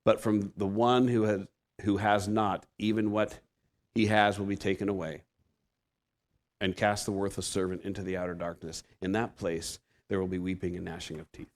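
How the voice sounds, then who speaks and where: A deep-voiced man in his fifties speaks at a moderate pace with a level tone, preaching as a guest in a church sanctuary. With a Pacific Northwest American accent, his sermon is conversational and self-deprecating, with frequent sentence restarts.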